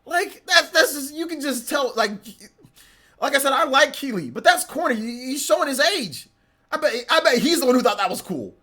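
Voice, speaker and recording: A man's voice: extremely high pitch, animated, normal speed, bright, forceful tone. A man in his forties ranting in a live reaction stream, exasperated and repeating himself. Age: 40s. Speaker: livestreamer.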